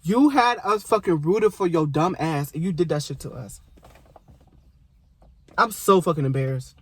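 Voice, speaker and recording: Fired-up, high-voiced young man ranting. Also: moderate pace. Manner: profane, animated, talks straight to the show's characters. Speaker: vlogger reacting to a TV show. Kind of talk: casual reaction rant.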